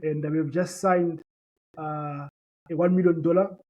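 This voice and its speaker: A Shona-speaking company founder from Zimbabwe gives an earnest, conversational business pitch in an interview. His voice is a little high and dark in tone, steady and a little slow, and his speech is full of fillers and repeated words.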